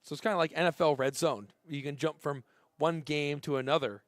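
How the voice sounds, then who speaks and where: A man calling a baseball game live, chatting between pitches and rising to excited shouts on big plays. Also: brisk, dry recording. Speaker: play-by-play announcer. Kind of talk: live baseball play-by-play commentary.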